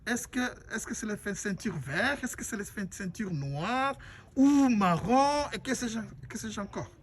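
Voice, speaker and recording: A man's voice: high-pitched, expressive, normal speed, slight background noise. Rambling male interviewer. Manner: repetitive, rephrases questions, many fillers. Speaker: interviewer, journalist. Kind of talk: casual interview questions.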